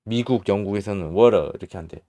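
A man teaching English spelling in Korean, slowly spelling out letters and repeating each sound patiently. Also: fairly low pitch, warm tone, no echo. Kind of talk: casual spelling lesson.

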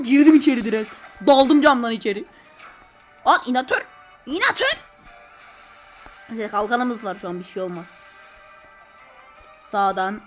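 High, lively young-sounding woman gaming. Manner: slangy, loud sudden exclamations. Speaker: gameplay channel host. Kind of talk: excited gameplay commentary.

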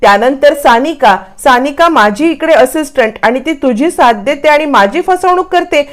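A man's voice: extremely high pitch, lively intonation, moderate pace. A woman voicing an angry young husband who feels betrayed, speaking in an accusing, bitter way.

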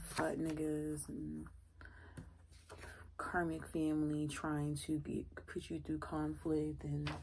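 A woman's voice: low-pitched, vocal fry, heavy background noise. A woman giving a casual tarot reading to her viewers, blunt and full of cursing, her voice sounding off from its usual self, recorded on a phone. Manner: blunt, cursing, repeats "all right?". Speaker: tarot reader.

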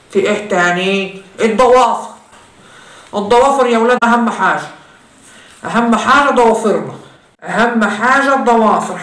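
A woman's voice: on the high side, recorded from a distance, lightly acted. A woman with an Egyptian accent playing a vain teenage girl who gives a mock makeup tutorial in a chatty, teasing way. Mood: chatty boastful. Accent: Egyptian Arabic. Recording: roomy echo, voice from off-mic.

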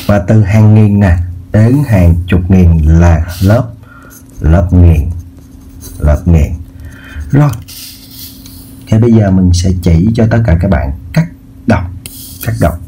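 A male math tutor with a very low, mellow voice talks slowly through a lesson. He repeats his words and keeps checking whether his viewers follow him. Faint noise sits under the recording. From southern Vietnam.

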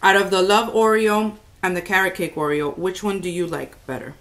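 A woman's voice: fairly low pitch, steady tone, normal speed, fairly bright tone. A woman in her thirties chatting casually as a mother co-hosting a family taste test at home. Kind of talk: casual family vlog chat. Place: small room at home.

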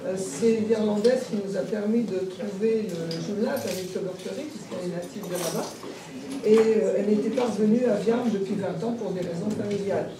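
A woman's voice: medium pitch, fairly quick, noisy background. A woman reporting to a town council meeting as a twinning committee member, speaking hesitantly with many fillers. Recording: echoey room heard from a distance.

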